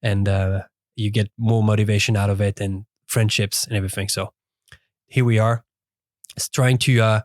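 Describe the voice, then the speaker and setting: A man co-hosting a podcast in casual chat, speaking haltingly with many fillers and restarts. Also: lowish voice, level tone, a little mellow, dry recording, studio quality. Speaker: podcast co-host. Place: dry studio.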